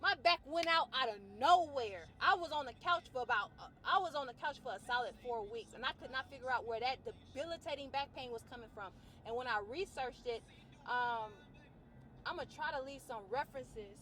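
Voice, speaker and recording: A fitness trainer and vlogger, a woman ranting to camera in a colloquial, outspoken way, swinging between loud outbursts and low, quiet musing. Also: fairly quick, slight background noise. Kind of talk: personal rant to camera.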